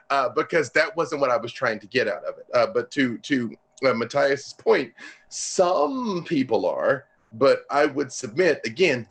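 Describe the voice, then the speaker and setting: A man, a comic book writer, talking animatedly on a panel and acting out quoted voices. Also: medium pitch. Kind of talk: lively panel discussion.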